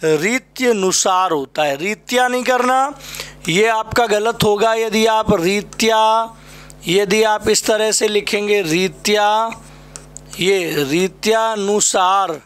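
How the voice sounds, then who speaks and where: A man's voice: high-pitched, fairly bright tone. A man teaching an exam-prep spelling class, repeating each word and quizzing his students. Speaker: Hindi teacher.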